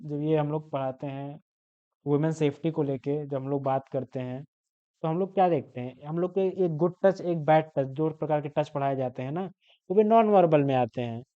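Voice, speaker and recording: A man's voice: fairly high pitch, normal speed, mellow. Young man, teacher, online class lecture, explains with examples, checks in often, muffled lo-fi sound. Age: 20s.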